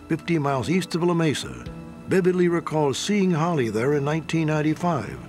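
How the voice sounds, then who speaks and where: A man's voice: on the high side, a little mellow. A man narrating a documentary in a grave, dramatic manner.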